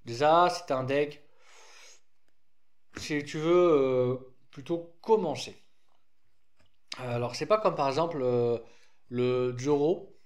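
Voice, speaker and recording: A man's voice: mid-range voice, slow pace, long pauses. A man with a lisp explaining a card game deck in a loose, rambling way, full of restarts. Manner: rambling, frequent restarts and fillers, informal.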